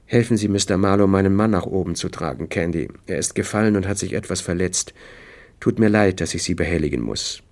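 A man with a low, gravelly voice voicing a calm, weary, detached upper-class woman in an audiobook. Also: fairly quick.

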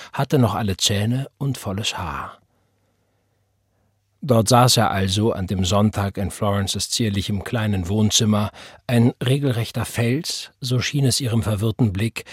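Husky low-voiced male narrator. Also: no room sound, clean studio sound. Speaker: audiobook narrator. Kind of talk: scripted literary narration.

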